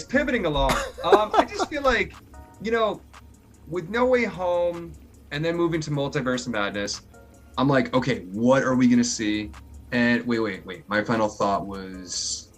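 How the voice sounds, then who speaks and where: A man hosting a podcast, reviewing a film in casual chat, rambling and excitable with swearing. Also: mid-range voice. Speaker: podcast host.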